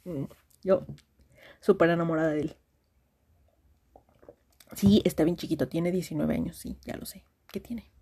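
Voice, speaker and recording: A husky, low-pitched Mexican woman in her twenties spills a long story to a friend in a voice message. Her tone is mellow and warm. She rambles in slang, restarting her sentences and piling on fillers. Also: steady tone, normal speed, long pauses. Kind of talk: casual confiding story.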